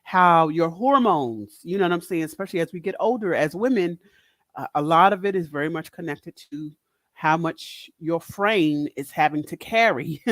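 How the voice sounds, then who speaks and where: A middle-aged woman from the Northeast US speaks as a guest in a casual podcast chat, candid and direct and laughing often. Her voice is big, deep and loud, and there's no room sound.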